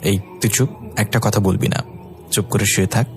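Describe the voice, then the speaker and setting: A man's voice: fairly low pitch, fairly even intonation, normal speed, faint music behind, lightly acted. A man voicing a fiery, devoted young fairy woman who scolds in a bossy way. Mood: scolding.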